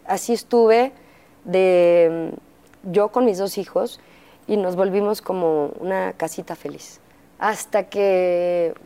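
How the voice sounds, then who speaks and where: A Mexican woman speaks openly as an interview guest, recounting her life in a candid, conversational way. Her voice is mellow and warm, and she slips in fillers while she acts out what others said. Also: fairly low pitch, clear, resonant tone. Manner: candid storytelling, acting out quoted dialogue, frequent fillers. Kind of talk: personal testimony in conversation.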